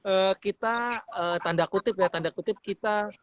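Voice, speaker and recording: Male radio host, high voice, chatty, anecdotes, keeps addressing the guest. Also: normal speed. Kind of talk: casual interview chat.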